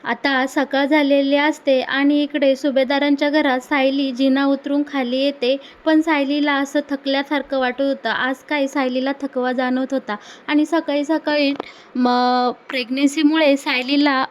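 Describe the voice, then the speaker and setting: A woman's voice: high-pitched, level tone, moderate pace. A woman narrating a voice-over recap of a TV serial episode, telling the story and addressing viewers.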